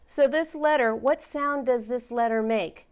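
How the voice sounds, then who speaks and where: A woman's voice: fairly high pitch, unhurried, smooth. A woman teaching a phonics lesson, patiently sounding out letters and words and encouraging her learners.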